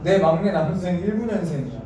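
A man's voice: sits high, animated, quick pace. Easygoing young man, echoey room. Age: young adult. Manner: easygoing, agreeing, short replies. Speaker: idol group member. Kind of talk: casual group livestream chat. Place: large room at a long table with bandmates. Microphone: far camera. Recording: echoey room, distant mic, faint noise.

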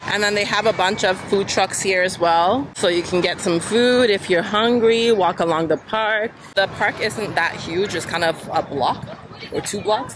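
A woman's voice: mid-range voice, noisy background. A young woman narrating a travel vlog in a chatty, upbeat way, talking to a handheld camera. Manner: chatty, upbeat, laughs easily. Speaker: travel vlogger. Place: car, restaurants and outdoor park. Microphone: handheld camera at arm's length.

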